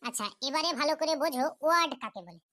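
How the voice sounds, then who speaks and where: A woman's voice: high-pitched, animated, rapid-fire, sharp tone, no room sound. A woman voicing a patient female teacher in a cartoon lesson, explaining step by step and often checking that the class understands.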